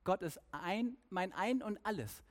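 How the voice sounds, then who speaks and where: A man voicing an older male missionary who speaks in a hesitant, stammering, hushed way. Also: high voice, lively intonation, unhurried, long reverb tail. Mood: faltering.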